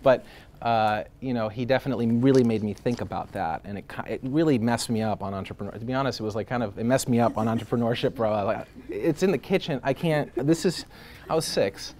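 Here the same kind of speaker, a man in his thirties from Greece, talks at a fairly quick clip in a mid-range, slightly mellow voice. It's a casual interview full of rambling, fillers, restarts and laughs.

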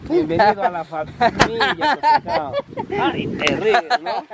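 A man plays a taunting young bully with a high voice who mocks his victim in a sing-song way. A loud crowd roars behind him. His demands come wrapped in sneering, playful jeers. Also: very animated, slow pace, full character voice. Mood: mocking.

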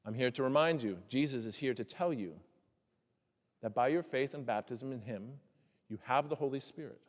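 Man preaching in a reverberant church. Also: mid-range voice. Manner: asks the congregation many rhetorical questions; slows down to stress key phrases. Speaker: pastor. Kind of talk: sermon. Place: church sanctuary.

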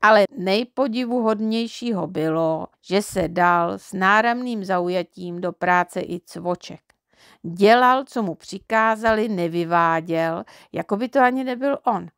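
Woman from Czechia narrating a kids' story; gentle, measured, mid-pitched, very dry close sound. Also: smooth, dry recording. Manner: gentle, measured reading for children. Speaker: audiobook reader.

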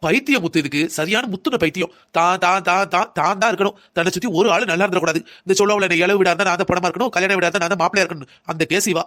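A woman's voice: lowish voice, very fast, few pauses, fairly bright tone, close to an everyday voice. Woman voicing an anxious, pleading older mother-in-law. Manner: pleading, lamenting and scolding. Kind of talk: cartoon drama voice acting.

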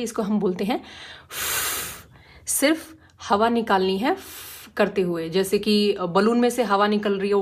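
Slow, patient woman teaching phonics. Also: mid-range voice. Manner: patient, demonstrates each sound repeatedly. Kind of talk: slow, careful phonics lesson.

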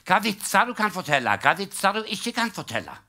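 A man's voice: high-pitched, sing-song, bright, forceful tone. An older man doing a live stand-up routine, telling jokes in a dry storytelling way and acting out the punchlines. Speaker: stand-up comedian. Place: live comedy stage.

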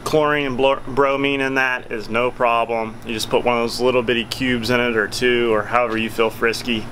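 A man's voice: medium pitch, fairly bright tone, a little hiss or hum, low-quality recording. A man, giving a chatty, folksy product review outdoors on a covered backyard patio, filming with a handheld camera at arm's length. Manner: chatty, filler-heavy, folksy. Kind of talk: casual product review vlog.

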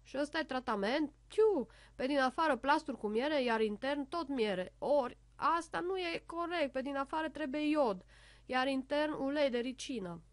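A woman's voice: sits high, expressive, dry recording, voice pushed up. A woman reading a storybook aloud, voicing a fussy little male doctor who complains about being kept as a patient. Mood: complaining. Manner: complaining, whispering confidingly.

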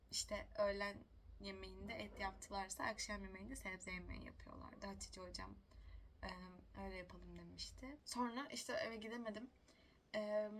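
A woman's voice: medium pitch, fairly bright tone, slight background noise. Chatty young woman, self-mocking. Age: young adult. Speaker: vlogger. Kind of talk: casual storytelling to camera.

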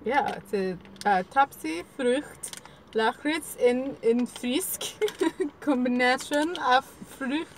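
A young woman, co-hosting a casual chat outdoors in a park, easygoing and quick to laugh. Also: high-pitched, slight background noise. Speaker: co-host.

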